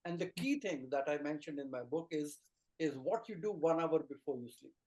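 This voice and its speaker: Expressive and mellow, his voice pitched a little high and his speed normal, a middle-aged Indian-accented man earnestly lays out his ideas in brief phrases and lists. He is an Ayurvedic teacher from rural India appearing as an interview guest.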